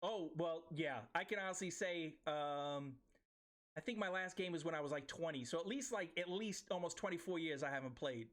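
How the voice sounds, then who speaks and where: A man's voice: on the high side, normal speed, a bit bright. A man in his forties with a New York accent, hosting a podcast in casual, chatty interview banter. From Brooklyn, New York. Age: 40s. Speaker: podcast host.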